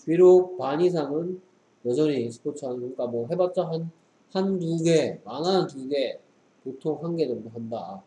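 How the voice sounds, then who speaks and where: In an echoey room with faint noise behind him, a male English tutor reads sentences aloud and tests his student with brief questions. His voice is a little high and dark in tone, lively, at a moderate pace, as he explains the English text.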